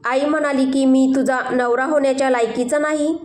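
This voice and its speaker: A woman voicing a quiet, troubled young husband who speaks softly and briefly, in a storybook reading. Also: sits high, steady tone, moderate pace, close to an everyday voice. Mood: subdued. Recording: roomy echo.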